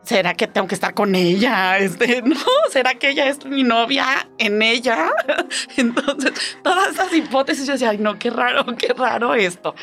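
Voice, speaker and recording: A woman from Guadalajara with a Mexican accent, telling a personal story in an expressive, conversational way and often tagging her sentences with little questions. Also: on the high side, moderate pace, faint music behind. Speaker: storyteller guest.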